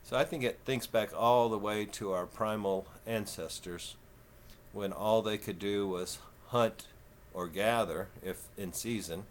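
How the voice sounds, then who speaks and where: A man in his fifties with a Texan southern twang, talking slow and folksy in a rambling, casual vlog. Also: lowish voice, slight background noise. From Texas. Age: 50s. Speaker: vlogger.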